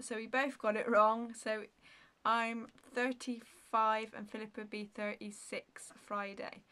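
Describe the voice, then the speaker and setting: A woman in her thirties talks straight to the camera in a relaxed Q&A vlog, her voice sitting a little high. She rambles through viewer questions with plenty of ums and likes. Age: 30s. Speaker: beauty vlogger. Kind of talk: casual Q&A vlog.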